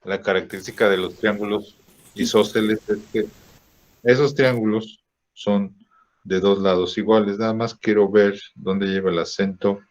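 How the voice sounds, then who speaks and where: A man teaching a drawing software lesson, thinking aloud with fillers and checking in with "¿sí?" after each step. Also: on the low side, fairly even intonation. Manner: slow, checks in with frequent "¿sí?" and "¿no?"; thinks aloud with "este" fillers while clicking. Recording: dull lo-fi recording.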